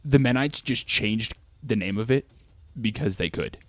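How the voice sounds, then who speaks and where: A man's voice: fairly low pitch, moderate pace, dry recording. Rambling man in a dry close recording. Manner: rambling, with many restarts and filler words. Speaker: co-host. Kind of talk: casual gaming lore chat.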